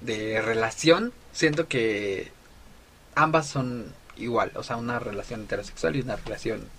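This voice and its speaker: A man's voice: medium pitch, moderate pace, a bit bright, slight background noise. A man with a Mexican accent chatting on a podcast, thinking aloud with plenty of fillers. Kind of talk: casual podcast chat.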